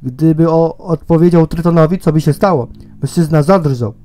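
A man's voice: on the high side, moderate pace, mellow. A man reading a story game aloud in a let's play, with laughs and swearing between lines.

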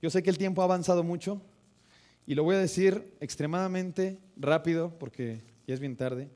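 Young mexican preacher, pretty high voice for a guy, chatty and jokey with the congregation. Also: normal speed. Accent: Mexican Spanish. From northern Mexico. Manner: conversational and humorous, with lively asides to the congregation. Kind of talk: sermon. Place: church sanctuary.

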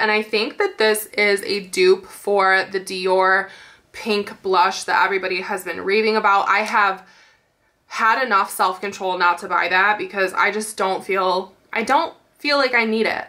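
A woman's voice: mid-range voice, sharp tone. A young woman with a nasal, stuffy-sounding voice, gushing about makeup in a casual chatty video with lots of fillers. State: stuffy nose. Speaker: beauty vlogger. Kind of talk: casual chatty product review.

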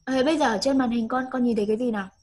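A woman's voice: on the high side, fairly even intonation, racing, a little mellow, low-quality recording. A woman, teaching an online English lesson over a video call, patiently coaxing and repeating prompts.

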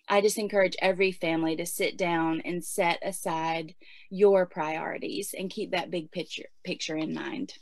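A woman's voice: lowish voice, no echo. A woman in her forties giving casual homeschooling advice in a chatty way, with many fillers. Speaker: homeschooling guest speaker.

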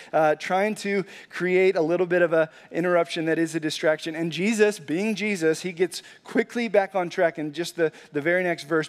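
A pastor preaching a sermon in a conversational, animated way, often saying "like" and restarting phrases. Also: male voice, high-pitched. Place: church sanctuary.

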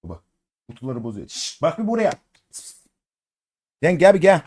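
A Turkish man giving casual commentary while opening crates in a mobile game, excitable, chanting repeated words and coaxing his cat. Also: fairly high pitch, fast talker, husky.

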